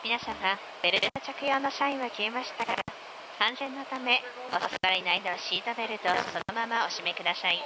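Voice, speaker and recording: A woman's voice: on the high side, very fast. A woman cabin crew member reading scripted in-flight announcements over an aircraft PA. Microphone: cabin PA, picked up from speakers. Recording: cabin PA buried in loud noise. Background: loud cabin noise.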